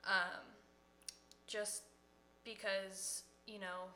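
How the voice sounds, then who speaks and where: Bright-voiced woman giving casual advice. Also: medium pitch, level tone, drawn-out words, a little hiss or hum. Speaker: podcast co-host, hairstylist. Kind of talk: casual chat. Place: at home.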